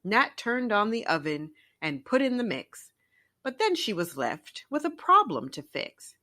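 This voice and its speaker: In a mid-range voice and a little slowly, a woman narrates a children's picture book with lots of expression.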